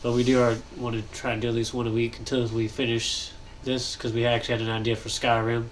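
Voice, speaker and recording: A young man with a mid-range, monotone, stuffy nasal voice talks fast, rambling through casual game commentary as he builds in a game on his gaming channel. He sounds congested, thinks aloud, and coughs and clears his throat often. The audio is poor, with a faint hum behind him.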